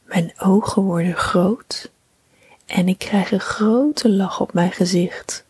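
A woman whispers a children's bedtime story, breathy nearly throughout, at a very slow, calm and soothing pace. Her medium-pitched voice is close and dry, with no room sound at all.

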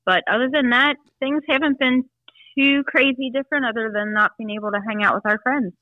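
A woman in her fifties, chatty and quick to laugh, answering questions in a casual family interview at home. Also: high voice, fairly even intonation, no echo, phone-quality sound. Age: 50s. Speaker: interviewee, aunt.

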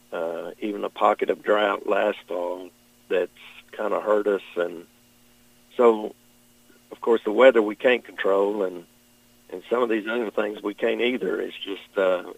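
A middle-aged man with a Kentucky Southern accent, answering interview questions as a farmer in a plain-spoken, halting, measured way. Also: lowish voice, vocal fry, no echo, rough recording. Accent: Southern American, Kentucky.

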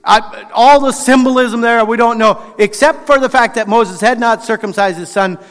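A man's voice: extremely high pitch, normal speed, fairly bright tone, big-room sound. A male pastor delivering a conversational sermon, acting out the quotes with restarts.

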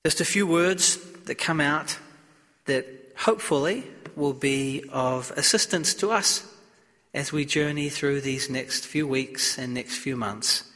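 A man speaking as a priest at a funeral, solemn and measured, in short deliberate phrases, with the cathedral-like echo of a large church. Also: medium pitch, pushed and bright. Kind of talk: solemn gospel reading and funeral homily.

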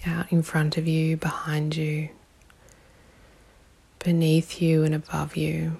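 Calm, slow, low-voiced woman guiding meditation. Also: creaky, breathy edge. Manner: calm, soothing meditative delivery with long pauses. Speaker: meditation guide. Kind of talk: guided meditation.

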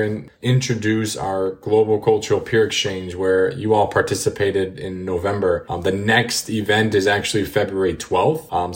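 A man hosting a podcast interview, asking questions and affirming his guests' answers in an encouraging way. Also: on the low side. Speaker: podcast host. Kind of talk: interview moderation.

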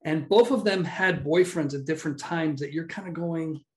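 A middle-aged man speaks as a guest on a casual talk show, with a voice a touch higher than most men's. He comes across as reflective and thoughtful, weighing his words. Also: moderate pace, darkish tone. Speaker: podcast guest. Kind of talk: casual conversation.

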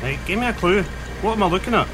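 A man's voice: high voice, expressive, quick pace, noisy background. An actor playing an affable, mock-formal workshop handyman with a dry sceptical manner in an audio comedy. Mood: dry, teasing.

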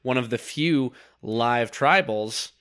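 A man's voice: mid-range voice, takes it slowly, fairly bright tone, clean tone. Male podcast co-host, analytical. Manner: stammering restarts, analytical. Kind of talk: casual chat.

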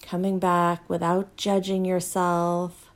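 A woman leading a guided breath-awareness meditation in a slow, soothing, unhurried way. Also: on the low side, completely flat delivery. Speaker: mindfulness teacher.

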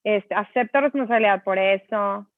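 A chatty woman with a Mexican Spanish accent co-hosts a casual talk, spinning animated stories with lots of fillers. She has a medium pitch and a moderate pace, and the dry recording sounds tinny, like a phone.

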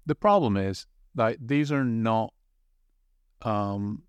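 A man's voice: fairly low pitch, dry recording, clean studio sound. A man from England, a former co-host back as a guest, chatting casually on a podcast in a rambling, stop-start way. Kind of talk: casual chat.

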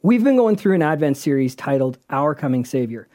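A male pastor opening a sermon in a friendly, explanatory way. His voice is warm and dark. He reads the scripture aloud at an even, measured pace. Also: fairly high pitch.

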